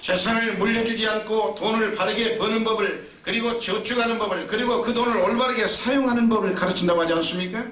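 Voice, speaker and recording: A male pastor preaching a sermon in a lively, emphatic storytelling manner. His voice sits high and sounds bright and forceful. It carries through a roomy church from a mic set some way off. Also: fast, hardly any pauses. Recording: roomy, distant mic, faint noise.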